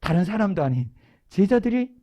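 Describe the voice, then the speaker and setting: A preacher in a church sanctuary, giving a Sunday sermon. The voice sits at a middle pitch but swings widely up and down. The preacher keeps asking the congregation questions and then answers them in a storytelling way. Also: very animated, brisk, warm tone.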